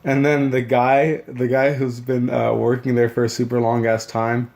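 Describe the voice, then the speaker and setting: A young man talks through his story in a casual, meandering way, often stopping to restart a thought. His voice has a gravelly, creaky edge. He stays fairly flat in pitch and rarely rises or falls much. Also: moderate pace. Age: young adult. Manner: rambling, loose, many fillers and restarts. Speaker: new Marine recalling boot camp.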